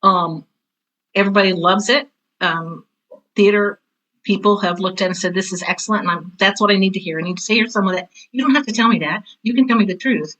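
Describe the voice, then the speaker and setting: A middle-aged or older woman speaks a little fast in a mid-range, fairly bright voice, and the audio is poor. She is a theater teacher and author appearing as an interview guest, casually sharing personal stories. Candid and emphatic, she repeats phrases for stress.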